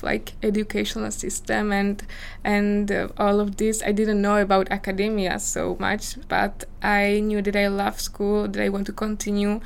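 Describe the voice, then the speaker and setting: A young woman from Slovakia in her twenties, interviewed as a visiting scholar, speaks English earnestly with a Slovak accent, searching for her words as a non-native speaker. Her medium-pitched voice has a clean tone marked by vocal fry.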